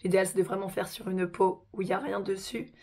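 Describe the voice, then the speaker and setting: A woman hosting a casual makeup tutorial, chatty and informal, her voice hoarse from a sore throat. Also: medium pitch, completely flat delivery, fast talker, darkish tone.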